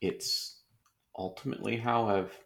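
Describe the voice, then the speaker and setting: A man co-hosting a podcast in casual chat, often halting and rephrasing mid-sentence. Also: lowish voice, fairly even intonation, vocal fry, fairly bright tone. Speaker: podcast co-host.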